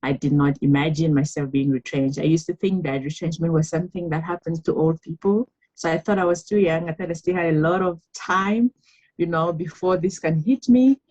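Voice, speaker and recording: A woman from Cameroon speaks in a notably low voice as a podcast guest, telling her story in a reflective, chatty way. She laughs often and fills pauses with ums and "you know". The recording sounds a little dull and lo-fi. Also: darkish tone. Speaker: guest author. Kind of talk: podcast interview.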